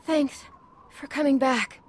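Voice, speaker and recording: High-pitched, earnest young girl. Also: slow, slight background noise. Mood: subdued. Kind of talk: dramatic video game acting.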